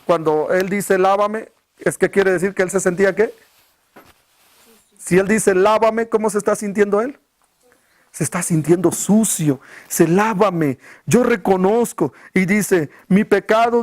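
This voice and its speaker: Pastor preaching with rhetorical questions. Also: male voice. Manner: asks the congregation many rhetorical questions; drops low and quiet to stress key words. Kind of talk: sermon.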